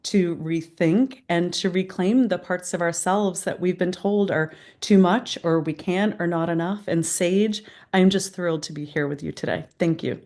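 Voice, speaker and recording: Woman host, slightly impeded retainer speech, lowish voice. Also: moderate pace, few pauses, a little mellow. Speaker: interview host. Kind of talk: warm-up introduction and interview questions, partly scripted.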